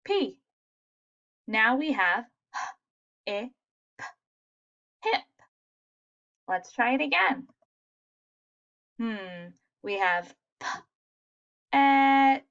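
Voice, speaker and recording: A woman teaching a phonics lesson to young children, sounding out letters slowly and praising answers. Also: on the high side, expressive, creaky, sharp tone, muffled recording. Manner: slow, sounding out letters, encouraging.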